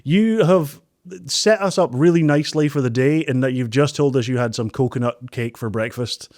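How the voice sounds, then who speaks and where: A man hosting an interview podcast, energetic and excitable, chatting casually and laughing often. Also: mid-range voice, moderate pace, no echo, studio quality. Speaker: podcast host.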